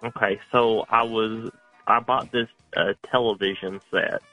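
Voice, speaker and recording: A man's voice: on the low side, steady tone, measured pace, bright, forceful tone, faint music behind. A man calling in to a show over a phone line, stammering and stopping often with fillers. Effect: heard over a phone line. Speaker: caller.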